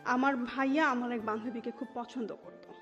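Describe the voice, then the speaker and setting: This interview guest, a woman in her thirties with a Dhaka Bangladeshi accent, speaks at normal speed in a fairly high, fairly bright voice with a steady tone. She tells her personal story, mixing English words into Bengali. Music sits under a dull, muffled recording.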